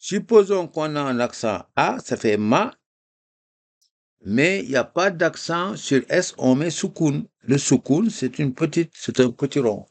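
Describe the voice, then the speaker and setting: A man teaching a live reading lesson, explaining slowly and patiently with repeated examples. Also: fairly high pitch, expressive.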